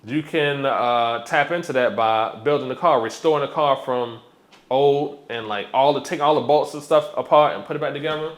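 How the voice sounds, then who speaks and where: A man's voice: medium pitch, normal speed. A man, hosting a casual explainer vlog and talking directly with plenty of fillers. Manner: animated, direct, lots of fillers. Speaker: YouTube host. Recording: echoey room.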